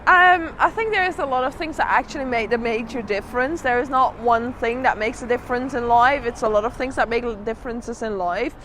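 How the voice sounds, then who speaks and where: A woman's voice: fairly high pitch, fairly quick, hardly any pauses, fairly bright tone. A woman giving a candid, reflective interview as a drag artist, telling her story with emphatic repeated phrases. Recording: noisy outdoor urban spot with traffic.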